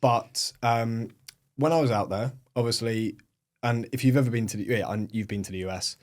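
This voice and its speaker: A young man from England, guesting on a podcast as an agency owner, chats casually at normal speed in a medium-pitched voice with a British accent. His talk is peppered with "like" and "um".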